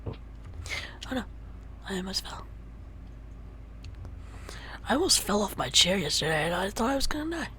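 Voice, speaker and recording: A young woman at a middle pitch, tired and playful as she chats through a gaming stream. She teases her partner, slips into soft half-whispers and hums little songs to herself. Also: big pitch swings, a little slow, pauses often, a little hiss or hum. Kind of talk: casual gaming chat.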